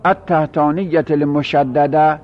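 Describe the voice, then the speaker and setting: A man teaching a grammar class, reading lines slowly, then explaining quickly and quizzing his students. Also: fairly high pitch, fairly even intonation. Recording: dull lo-fi recording.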